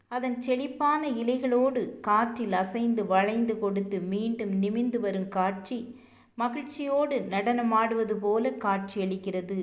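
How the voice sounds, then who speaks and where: A woman's voice: on the high side, echoey room. Earnest woman telling a devotional story.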